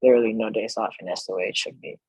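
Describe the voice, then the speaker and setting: A man's voice: fairly low pitch, racing, slightly rough, dry recording, low-quality recording. A French-born man whose first language is French, a professional soccer player chatting easily as a podcast guest. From France. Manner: relaxed, chatty, laughs easily. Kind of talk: casual podcast interview.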